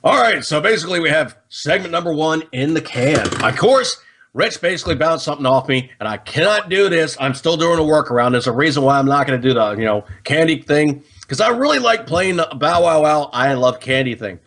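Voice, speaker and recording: His voice sits fairly high, expressive and a bit bright, moving a little fast. The American host of a casual hobby gun and gadget show explains things to his audience unscripted, folksy and slangy, often pausing to check in.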